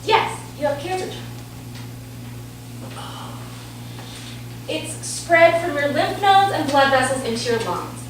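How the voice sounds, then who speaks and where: A woman's voice: high voice, animated, moderate pace. A woman playing a brash, evasive oncologist in a staged play, with an emphatic, theatrical delivery. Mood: clinical, evasive. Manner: theatrical, emphatic, switching to stiff medical jargon. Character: brash, foul-mouthed woman oncologist, evasive and clinical with patients. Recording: very echoey room, distant mic, faint noise.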